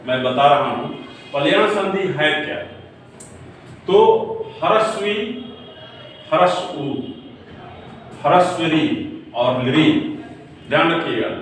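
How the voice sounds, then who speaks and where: Slow, high-voiced male teacher in an echoey room. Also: fairly bright tone. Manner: repeats questions and answers them himself, checking with "clear?". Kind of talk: exam-prep lesson. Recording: echoey room, far from the mic, faint noise.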